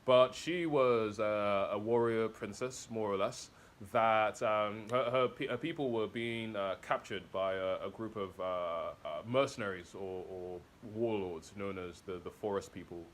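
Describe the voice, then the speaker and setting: A man's voice: fairly low pitch, measured pace, hardly any pauses, a little hiss or hum. A man being interviewed about his comic, talking casually and hesitantly with many fillers and restarts. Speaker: interview guest, comic author.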